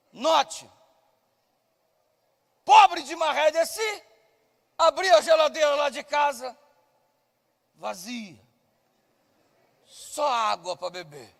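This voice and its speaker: Male pastor, very high voice, loud comic preaching, church hall reverb. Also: vocal fry. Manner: loud, shouting at times, acting out voices in his stories. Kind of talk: sermon with comic storytelling.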